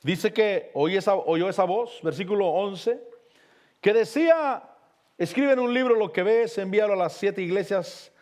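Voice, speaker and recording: A man's voice: high voice, normal speed, darkish tone. A male pastor preaching a sermon, retelling testimonies with passion. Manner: impassioned preaching with retold testimonies.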